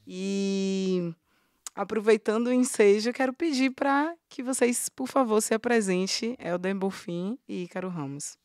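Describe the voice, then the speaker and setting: A woman hosting a podcast, speaking thoughtfully with frequent pauses and fillers. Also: medium pitch, a little mellow, no echo, clean studio sound. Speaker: podcast host. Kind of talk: casual podcast conversation.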